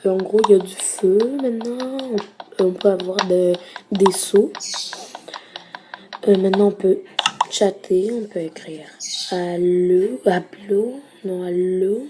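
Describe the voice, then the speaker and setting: Slow, hesitant woman gamer. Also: medium pitch. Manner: hesitant, many filler pauses. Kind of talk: casual gameplay commentary. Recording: loud background noise, mouse clicks.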